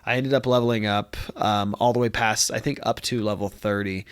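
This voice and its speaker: A man's voice: lowish voice, steady tone, brisk, smooth. A young man talks casually about a game he has been playing. His nose is stuffy and congested, and he rambles through frequent fillers and restarts. He sits in a dry, close room with almost no echo. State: congested from allergies. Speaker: gaming video host. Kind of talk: casual talk to camera. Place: friend's apartment room.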